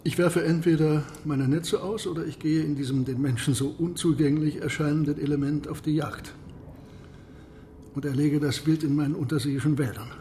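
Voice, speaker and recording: A proud submarine captain in a radio play, acted by a man, speaks in a fairly high, soft-edged voice. He is measured and imperious, formal in every phrase, guarding his secrets. Some background ambience sits behind him. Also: steady tone, slight background noise, lightly acted. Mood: courteous. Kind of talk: radio drama acting.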